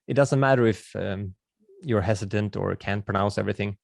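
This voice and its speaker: A Swedish videographer hosting a webinar answers questions in a friendly, casual manner, restarting sentences and dropping in filler words, and his pace is brisk. His low voice has a gravelly edge and a Swedish accent. The recording is close and dry, with almost no room sound.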